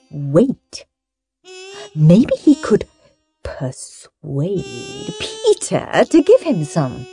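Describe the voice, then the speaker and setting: A woman narrating a children's audiobook in an expressive, playful manner. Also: lowish voice. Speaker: audiobook reader.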